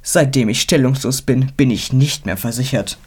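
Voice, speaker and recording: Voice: medium pitch, normal speed, darkish tone, breathy edge, natural voice. A storyteller voicing an anxious, politely fussy talking horse in a storybook reading. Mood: fretful.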